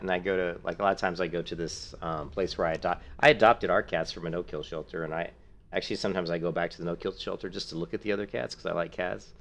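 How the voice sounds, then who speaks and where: His voice sits low, creaky and a bit bright: a middle-aged man with a sore throat, streaming a game. He rambles amiably in casual chat and thanks his viewers along the way.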